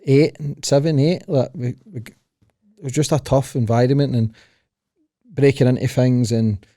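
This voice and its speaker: A man's voice: mid-range voice, fairly even intonation, unhurried, warm tone, no echo, clean studio sound. A man from Scotland with a Glaswegian accent, a podcast guest telling his life story in short clipped phrases with a cheeky manner. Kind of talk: casual interview chat.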